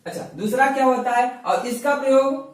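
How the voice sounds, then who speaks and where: A man's voice: extremely high pitch, fairly even intonation, normal speed. Man, grammar teacher, asks and answers his own questions, heard from across the room. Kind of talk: classroom lesson explaining articles. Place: classroom. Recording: very echoey room, voice from far off.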